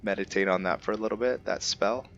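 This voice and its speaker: A gaming video host talks fast in a lowish voice, musing aloud to himself tentatively as he gives casual, improvised game commentary. The recording is muffled, with clear background noise.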